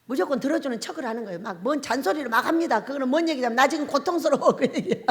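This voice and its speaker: Lively high-voiced woman pastor preaching. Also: very fast, in a large hall. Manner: humorous, laughs often while preaching; acts out husband-and-wife dialogues. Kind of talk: sermon. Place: church sanctuary.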